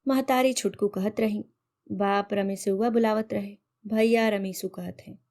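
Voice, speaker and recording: A woman's voice: medium pitch, steady tone, a little slow, darkish tone, close to an everyday voice. A woman voicing a simple, stubborn young male servant who speaks in rustic village dialect.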